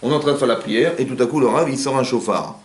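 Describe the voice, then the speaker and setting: A man who is a rabbi giving an informal Torah class in a private home, talking quickly and firing rhetorical questions at his listeners. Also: medium pitch, a little hiss or hum. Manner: rapid, animated, asks the audience rhetorical questions. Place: living room of a private home. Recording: roomy home recording.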